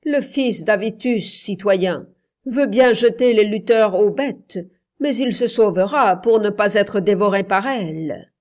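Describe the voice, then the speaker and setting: Defiant scornful man in a crowd, a woman voicing him, loud, slow. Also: mid-range voice, natural voice. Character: defiant male citizen, bold and scornful.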